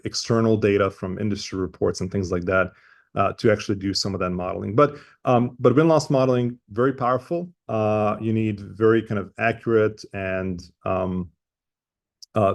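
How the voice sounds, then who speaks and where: Eastern European-accented man, low creaky voice. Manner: hesitant, often checks with "right?". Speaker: webinar presenter. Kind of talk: informal explanatory webinar talk.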